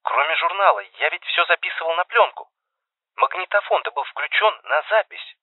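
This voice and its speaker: A man's voice: a little high, lively intonation, normal speed, no room sound, voice pushed up. A man voicing a flustered, unsure male polar radio operator, heard through a radio transceiver. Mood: eager. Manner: unsure, apologetic, eager to please. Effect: radio transceiver filter. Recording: tinny radio-line sound.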